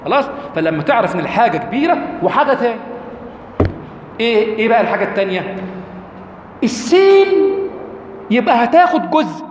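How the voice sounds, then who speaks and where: A man's voice: very high voice, sing-song, fast, pauses often. A man with an Egyptian Arabic accent giving a lecture, asking his audience rhetorical questions. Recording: echoey hall, faint background noise.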